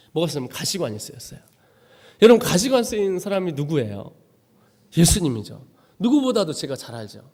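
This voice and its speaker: Missionary guy giving a big emotional testimony sermon, swings all over in pitch, long church echo. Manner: dramatic, swings from hushed to shouting. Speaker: missionary preacher. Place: church sanctuary.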